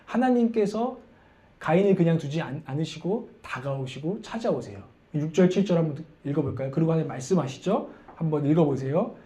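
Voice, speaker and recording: A male preacher delivers a sermon in a chatty, conversational way. His voice is high-pitched yet warm and soft. He keeps checking in with his listeners through questions. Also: lively intonation, a little fast, slight background noise. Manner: conversational, asks the congregation questions.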